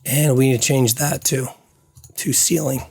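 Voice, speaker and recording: A game developer thinks aloud during an on-screen game-building session, muttering and trailing off as he loses his voice. His medium pitch stays fairly even at a moderate pace, with a creaky, darkish tone and slight background noise.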